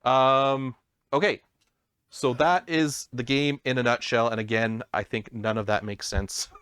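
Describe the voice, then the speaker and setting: A man's voice: mid-range voice, steady tone, unhurried, a bit bright, clear, resonant tone, no echo, studio quality. A man hosting a casual board game stream, explaining the rules with self-deprecating asides. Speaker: host.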